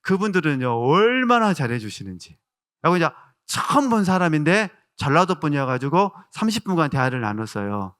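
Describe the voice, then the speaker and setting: A man's voice: on the high side, very animated, fairly quick, smooth. A male pastor with a Jeolla Korean accent preaching a sermon, telling stories and asking the congregation questions. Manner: warm storytelling with rhetorical questions to the congregation.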